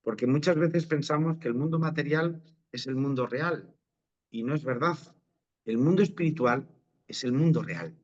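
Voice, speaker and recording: A man's voice: mid-range voice, normal speed, muffled recording. A priest, a man with an accent from Spain, giving an informal, explanatory religious talk and often checking in with short question tags.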